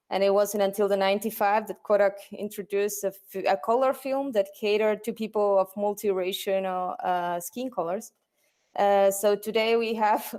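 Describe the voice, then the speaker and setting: This Germany-based UX designer, a native Spanish speaker, has a mid-range, somewhat dark voice. Responding to an interviewer's questions, she tends to circle back over words as she hunts for how to say things.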